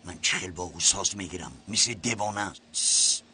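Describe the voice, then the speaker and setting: A man's voice: low voice, sharp tone, a little hiss or hum. A man voicing a worried husband who sounds firm and exasperated. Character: worried husband, frustrated with wife.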